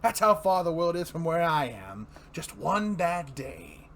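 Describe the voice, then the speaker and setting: A theatrical, mad clown villain from a comic book, acted out by a man. He taunts and mocks like a bitter fairground showman, with swooping, highish delivery. Light noise sits behind the voice. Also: very animated, unhurried, fairly bright tone, heavily acted. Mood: smug taunting. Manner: grandiose showman delivery, mocking, swooping emphasis. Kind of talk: dramatic reading of comic book dialogue.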